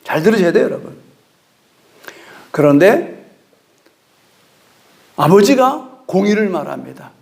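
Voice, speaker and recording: A pastor delivers an early-morning sermon in a very high, gravelly voice. He tells the story with acted dialogue and keeps calling out to his congregation. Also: big pitch swings, unhurried, long pauses. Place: church sanctuary.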